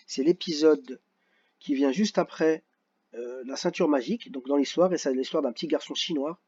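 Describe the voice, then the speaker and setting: A man's voice: on the high side, a little mellow, highs cut off. A male teacher patiently correcting a children's worksheet, sounding out syllables one by one.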